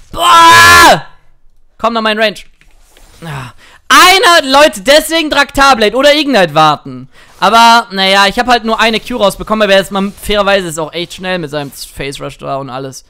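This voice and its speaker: A young man chatting excitedly through live gameplay commentary as a streamer, now and then singing or shouting at a play. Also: high-pitched, a little fast, clear, resonant tone. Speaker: gaming streamer.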